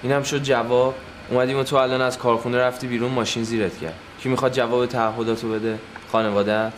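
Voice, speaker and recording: An actor playing an angry, suspicious factory owner who confronts people head-on. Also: male voice, medium pitch, flat delivery, slight background noise, close to an everyday voice. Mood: irritated. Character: hot-tempered factory owner, suspicious brother.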